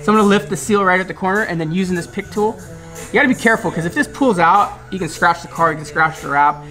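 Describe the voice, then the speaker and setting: A man's voice: high-pitched, pushed and bright, faint music behind. A man explaining vinyl wrap work step by step in a large indoor car shop, talking practically to the camera. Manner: quick, practical, instructive.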